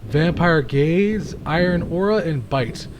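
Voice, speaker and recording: A chatty man talks his way through a video game in a loose, rambling manner, often restarting his sentences. His voice sits a bit higher than most men's. A faint hiss of noise stays under it. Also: expressive, slow pace. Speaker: gaming channel host. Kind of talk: casual gameplay commentary.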